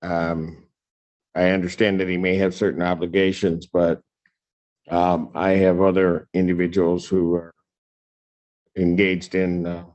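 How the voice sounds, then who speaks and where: Give me a deep-voiced judge on a courtroom recording. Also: male voice, level tone, a little slow, pauses often, a little mellow, lo-fi sound.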